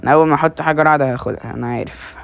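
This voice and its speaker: A man with an Egyptian Arabic accent giving casual gameplay commentary, excitedly calling out to his teammates and teasing them. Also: on the high side, very fast, vocal fry. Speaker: gaming video creator.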